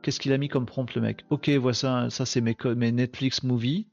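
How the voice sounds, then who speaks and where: A male host of a live tech show, talking in a chatty, excitable way and punctuating with quick exclamations. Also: medium pitch, creaky, muffled recording, soft background music. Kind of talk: casual live commentary.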